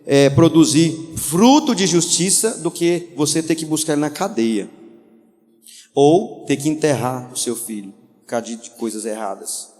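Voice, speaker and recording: Animated preacher, man, higher voice, storytelling style, reverberant hall. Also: a little slow. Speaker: pastor. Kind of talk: lively sermon with anecdotes.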